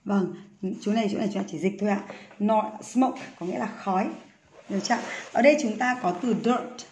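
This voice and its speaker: A woman's voice: mid-range voice, a little fast, a little mellow, roomy sound, slight background noise. A woman English teacher going through an exercise, patiently asking many rhetorical questions.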